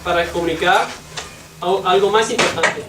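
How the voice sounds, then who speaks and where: Hesitant and word-searching while translating, a medium-pitched teacher who grew up speaking English runs a bilingual classroom lesson. The echoey room, distant microphone, and background noise make for a rough recording.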